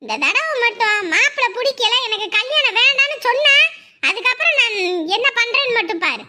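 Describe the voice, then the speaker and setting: A woman's voice: extremely high pitch, lively intonation, fairly quick, heavy background noise. A woman playing a stern middle-aged mother who nags and threatens her grown daughter in a family drama. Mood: scolding. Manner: nagging, threatening, rhetorical questions. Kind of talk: Tamil family web drama.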